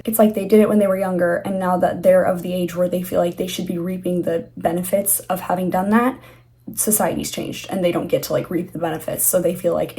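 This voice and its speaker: A woman's voice: on the low side, darkish tone. Young woman vlogging into her phone. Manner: chatty, swears freely, rambling asides. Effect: quick selfie recording on a phone. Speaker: reaction video host. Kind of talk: casual to-camera commentary. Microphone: phone's built-in mic.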